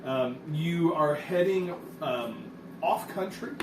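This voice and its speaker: A man runs a tabletop game, narrating loosely with plenty of fillers. His pitch moves a lot, and he sits away from the mic in an echoey room with noise behind him. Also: slow pace, far from the mic. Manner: relaxed, with frequent fillers. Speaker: game master.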